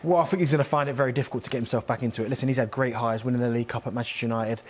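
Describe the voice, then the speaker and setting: Very fast-talking football pundit, male. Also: mid-range voice, steady tone, a little mellow, a little hiss or hum.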